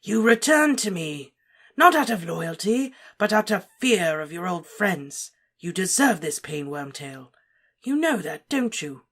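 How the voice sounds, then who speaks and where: A woman voicing a cold, cruel male dark wizard lord, speaking softly, slowly and with deliberate menace. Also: on the low side, very animated, pitched above the performer's own voice, heavily acted. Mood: menacing. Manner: soft, menacing, slow and deliberate.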